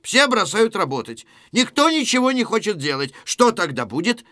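A man's voice: high voice, big pitch swings, moderate pace, bright, forceful tone, dry recording, clean studio sound, pitched above the performer's own voice, heavily acted. A man reading a play aloud, voicing a cynical ex-convict who lectures his neighbors. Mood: sardonic. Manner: sardonic, lecturing. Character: cynical, worldly male ex-convict, mocking.

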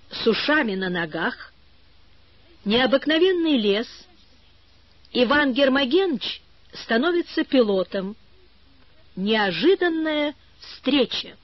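A woman narrating an adventure story as an audiobook, in a measured storytelling manner. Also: a little high, no room sound, dull audio. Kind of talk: audiobook reading.

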